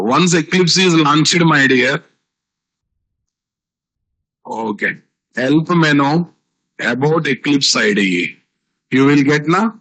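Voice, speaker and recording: Bright-voiced Indian man teaching, Telugu accent. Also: mid-range voice, poor audio. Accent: South Indian, Telugu. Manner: repetitive teaching with rhetorical questions and tag words. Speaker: software instructor. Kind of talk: live online programming class.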